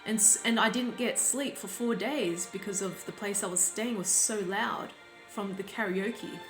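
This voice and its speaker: Woman, life coach, unhurried and instructive, reverberant room, faint music bed. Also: mid-range voice. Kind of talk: reflective talk to camera. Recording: roomy sound with faint background music.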